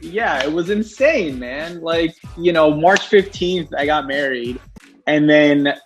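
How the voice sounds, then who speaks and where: A man's voice: a little high, expressive, slow pace, faint music behind. A young man talking as an actor guest in a casual interview, rambling with many restarts and frequent laughs.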